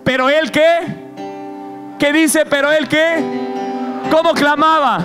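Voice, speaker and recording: A man's voice: very high voice, fairly even intonation, takes it slowly. A man preaching a sermon as guest preacher, with impassioned, repetitive exhortation. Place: church service. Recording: guitar music behind.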